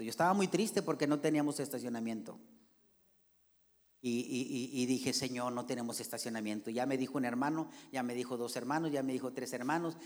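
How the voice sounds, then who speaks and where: Fervent pastor preaching in a reverberant church. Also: male voice, medium pitch. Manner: fervent preaching, addresses the congregation as "hermanos" after nearly every phrase. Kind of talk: sermon. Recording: long reverb of a church hall.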